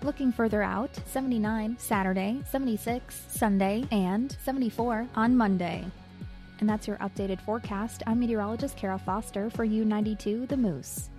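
Female meteorologist, measured forecast read over a soft music bed. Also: mid-range voice. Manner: brisk, measured forecast reading. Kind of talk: scripted weather forecast.

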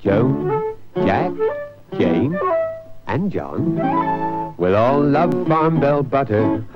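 A man's voice: mid-range voice, big pitch swings, drawn-out words. A man singing a cheerful advertising jingle over guitar, heard from an old archival radio recording. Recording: dull lo-fi old recording with loud music.

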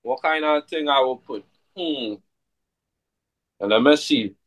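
A man, a soca artist chatting casually in an interview, relaxed and full of fillers. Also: medium pitch, slow pace, no room sound, poor audio. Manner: relaxed, laid-back, many fillers like "like" and "you know what I mean".

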